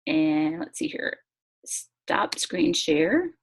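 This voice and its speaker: A woman's voice: fairly low pitch, big pitch swings, very slow, vocal fry, breathy edge. Upbeat woman hosting a video webinar. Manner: upbeat, chatty, breaks into laughs. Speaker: host. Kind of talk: casual webinar presentation. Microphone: video call.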